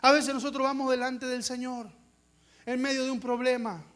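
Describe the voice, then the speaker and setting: Male pastor preaching with fire, strikingly high-pitched, acts out voices and quizzes the congregation. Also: level tone, normal speed, fairly bright tone. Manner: impassioned, acts out voices, rhetorical questions. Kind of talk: sermon.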